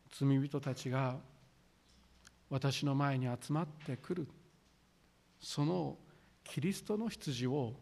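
牧師の男性が、丁寧な文末で、ゆっくりと厳かに説教している。. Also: male voice, mid-range voice, darkish tone. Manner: solemn, deliberate preaching with formal sentence endings. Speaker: pastor. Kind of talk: sermon.

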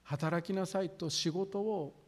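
牧師の男性が、丁寧な文末で、ゆっくりと厳かに説教している。. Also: male voice, sits high. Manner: solemn, deliberate preaching with formal sentence endings. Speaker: pastor. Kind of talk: sermon.

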